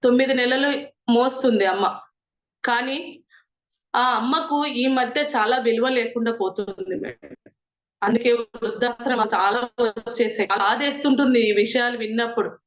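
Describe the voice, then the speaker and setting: A woman's voice: on the high side, normal speed. Earnest Telugu-speaking woman telling moral stories. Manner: earnest and moralizing, retells a story with quoted dialogue. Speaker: meditation group member sharing experiences. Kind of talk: conversational storytelling. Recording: roomy, dull lo-fi sound.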